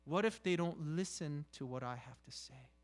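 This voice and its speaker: Delivering a conversational sermon in a voice on the high side, a man preaches haltingly and repeats himself; his emphatic lines, punctuated with rhetorical questions, sink now and then into hushed asides.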